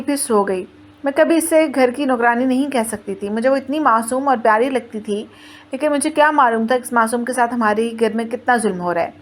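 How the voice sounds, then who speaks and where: A woman in her twenties narrating a first-person family story in a plain storytelling way, voicing the quoted lines in her own voice. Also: high voice. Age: 20s.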